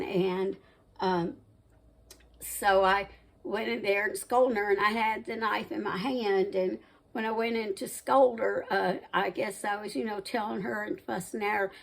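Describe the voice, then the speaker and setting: This cooking vlog host, a Southern woman in her sixties whose accent mixes in some Midwestern sound, chats casually and wanders off into side stories. She speaks in a gravelly, mid-range voice, captured on a low-quality recording.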